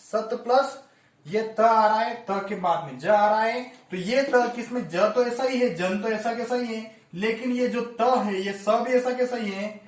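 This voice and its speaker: A man with a high voice runs through a Hindi grammar lesson aimed at exam prep, going rule by rule and repeating each one. He's recorded in an echoey room from a distant microphone.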